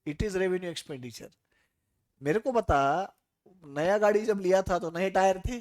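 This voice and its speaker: A man's voice: high-pitched, darkish tone. A man teaches accounting to a class. He keeps firing rhetorical questions at his students to push them to think. English phrases run all through his explanations, the way a classroom teacher talks. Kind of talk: classroom lecture.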